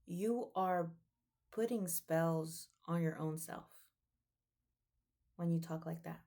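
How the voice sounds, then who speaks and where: A woman's voice: fairly low pitch, takes it slowly, mellow. A young woman giving an earnest, preachy motivational talk in a casual way, often saying "like" and "um.". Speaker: vlogger.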